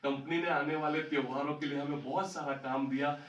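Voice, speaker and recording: A man's voice: fairly high pitch, fairly even intonation, a little fast, recorded from a distance, dull audio, a little hiss or hum. A man telling a story about his life to an audience as a motivational speaker, recorded in a large hall. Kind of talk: storytelling talk on stage.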